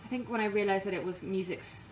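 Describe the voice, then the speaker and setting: A woman from England, partly raised in Canada, with an English accent, chatting quickly and self-deprecatingly as a musician being interviewed. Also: medium pitch, reverberant, far from the mic, slight background noise, poor audio. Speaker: musician guest. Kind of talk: casual interview chat. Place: inside a parked trailer.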